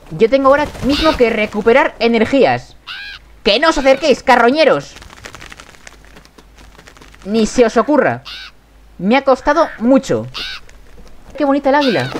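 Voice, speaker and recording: Excitable young Spanish gamer, high voice. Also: male voice, slight background noise. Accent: Spain Spanish. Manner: excitable, shouts at in-game animals. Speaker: gaming youtuber. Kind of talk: game commentary.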